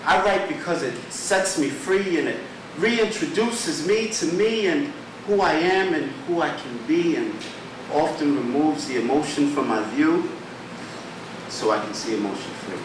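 A man performing his own spoken word poems at an open mic, with a rhythmic, rhyming delivery and dramatic pauses. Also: a little high, expressive. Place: small poetry theater stage. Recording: echoey room, distant mic, background hum.

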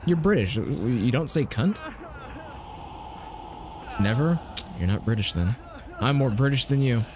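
A man streaming a horror game live, swearing freely and yelling dramatic cries for help as he plays. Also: medium pitch, animated, unhurried, background noise. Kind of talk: live gameplay commentary. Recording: music playing in background.

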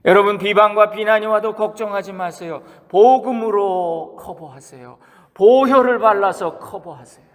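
A man's voice: high voice, fairly even intonation, normal speed, few pauses, a bit bright. A man preaching a sermon as pastor, talking conversationally with the congregation, asking them questions and acting out the quotes he tells. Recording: long reverb of a church hall.

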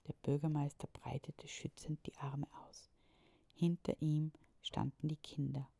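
Woman storybook reader, calm and whispery, low gravelly voice, very unhurried. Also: dry recording. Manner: calm, measured, whispery narration. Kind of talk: reading a children's story aloud.

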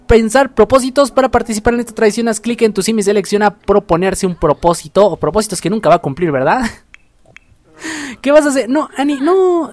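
A man's voice: sits high, no room sound. A man doing playful, chatty let's play commentary for a life-sim game, reading game text aloud and laughing often between lines. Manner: playful, chatty, swings between loud exclamations and murmured asides; laughs often while talking. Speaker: gaming YouTuber.

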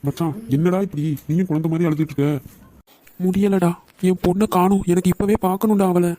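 Man voicing a loyal hot-headed young man, animated story, fast talk, slightly raised pitch. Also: close to an everyday voice. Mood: anxious.

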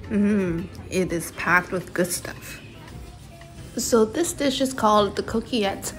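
Young woman chatting through a vlog, friendly descriptive narration, soft music underneath. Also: medium pitch, slow pace. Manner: chatty, descriptive, reviewing products. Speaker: vlogger.

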